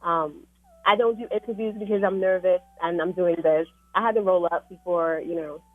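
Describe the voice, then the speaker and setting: A woman with a Trinidadian accent and a lowish, steady voice speaks at a moderate pace, sounding phone-quality. A fashion model appearing as an interview guest in a radio studio, she chats casually but hesitantly, often starting over, while music plays behind her.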